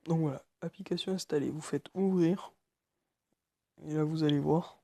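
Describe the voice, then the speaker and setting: A nervous man walking through a phone tutorial, speaking quietly and haltingly with many fillers. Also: a little high, steady tone, gravelly, no echo. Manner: speaking quietly late at night. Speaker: tutorial maker. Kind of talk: screen-recorded phone tutorial.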